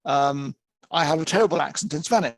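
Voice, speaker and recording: A native English-speaking lecturer in interpreting teaches an online master class over a video call. His fairly high-pitched voice is brisk and conversational, and he repeats phrases as he works through examples.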